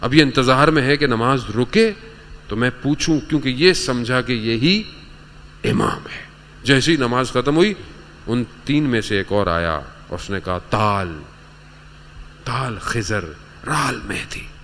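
A man delivering an emotional religious sermon, swinging between loud exclamations and hushed whispers. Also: mid-range voice, lively intonation, a little slow, slight background noise. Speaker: preacher. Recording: long hall reverb, faint ambience.

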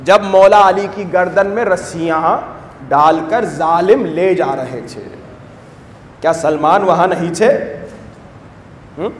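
Man preaching a sermon, high voice, fervent, booming hall reverb, roomy sound. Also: pauses often, slight background noise. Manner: fervent, rising to forceful emphasis, rhetorical questions. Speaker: Shia cleric giving a majlis sermon. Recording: echoey hall with long reverb.

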